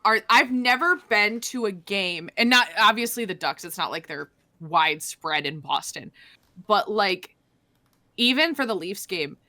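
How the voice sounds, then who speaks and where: A woman's voice: medium pitch, unhurried. A young woman co-hosting a casual podcast, rambling through stories with lots of fillers and restarts. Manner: rambling, filler-heavy, animated storytelling. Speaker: podcast co-host. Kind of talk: casual chat.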